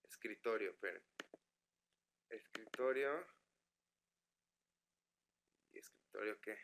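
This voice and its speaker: Northern mexican guy on a live webcam stream, kinda low voice but bright and punchy, rambling and stumbling, reading fan messages. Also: takes it slowly, a little hiss or hum. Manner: chatty, stumbling over words, reading fan messages aloud. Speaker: host of a live webcam chat with fans. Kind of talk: casual live-stream chat. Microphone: computer microphone.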